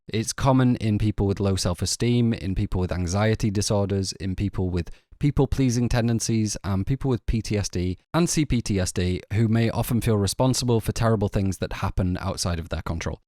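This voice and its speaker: A man narrating a scripted film analysis video essay in a measured, analytical way. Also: lowish voice, darkish tone, no echo, clean studio sound.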